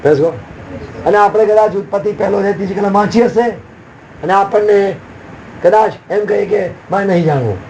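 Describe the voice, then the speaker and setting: A man's voice: high voice, fairly quick, gravelly, a little mellow, lo-fi sound, a little hiss or hum. A man preaching a sermon as a pastor, with sudden emphatic rises and repeated refrains.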